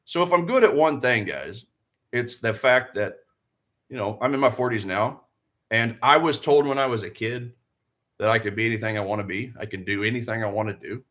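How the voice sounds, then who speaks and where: A man in his forties runs a live trading stream, talking briskly in a mid-range, fairly bright voice. His motivational chat and trading commentary are earnest and energized, full of repeated phrases and rhetorical questions aimed at the viewers.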